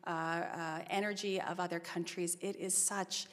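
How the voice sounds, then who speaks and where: A woman giving formal testimony as an expert witness, measured and deferential, stressing her key points. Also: lowish voice, little pitch movement, fairly bright tone. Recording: reverberant hearing hall.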